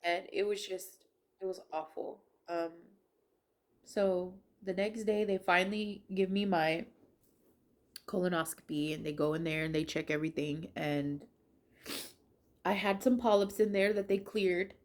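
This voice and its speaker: A woman's voice: lowish voice, fairly even intonation, measured pace. A woman sharing a personal faith testimony, telling it earnestly and emotionally, often restarting her sentences.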